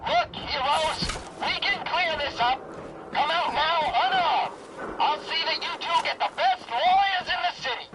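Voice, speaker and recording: An actor playing a blustering police chief in an old-time radio drama, shouting orders through a megaphone in a commanding, barking way. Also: male voice, very high-pitched, measured pace, background noise.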